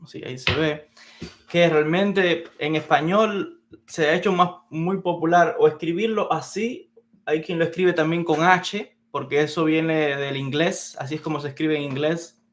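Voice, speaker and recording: A man teaching an introductory lecture on Kabbalah, unhurried and methodical, repeating key words as he explains them at a whiteboard. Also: on the high side, fairly even intonation, fairly bright tone.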